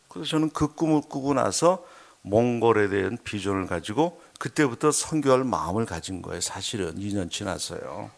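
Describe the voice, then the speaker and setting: A middle-aged man, a missionary, preaching a heartfelt testimony sermon in church, dropping to hushed murmurs and then rising to loud, emphatic bursts. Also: mid-range voice, gravelly. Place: church sanctuary.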